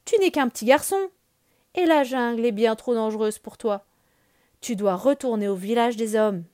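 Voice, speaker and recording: A woman voicing a gentle, fatherly male bear in a storybook reading. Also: a little high, moderate pace, dry recording, studio quality, close to an everyday voice.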